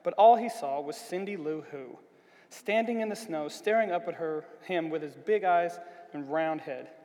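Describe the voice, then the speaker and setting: A man reading a storybook aloud in a church, with a steady, expressive delivery. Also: on the high side, moderate pace, long reverb tail, rough recording. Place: church hall.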